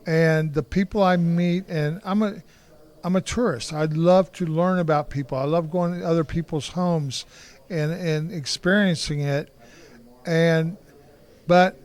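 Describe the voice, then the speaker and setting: Blunt older man, slightly high voice. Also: clear, resonant tone. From Kansas City, Kansas. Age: 60s. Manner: blunt, rambling, frequent restarts. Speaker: interview guest, martial artist. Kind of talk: casual storytelling interview.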